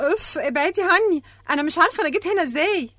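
An actress with an Egyptian accent playing a prim, anxious pregnant schoolteacher who talks in a fussy, flustered way. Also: female voice, extremely high pitch, lively intonation, rapid-fire, bright, forceful tone, no room sound, studio quality, heavily acted.

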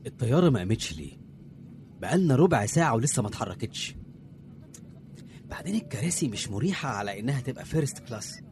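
Guy acting grumpy egyptian passenger, complains fast. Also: mid-range voice, very animated, lightly acted. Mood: grumbling. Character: grumpy impatient man passenger.

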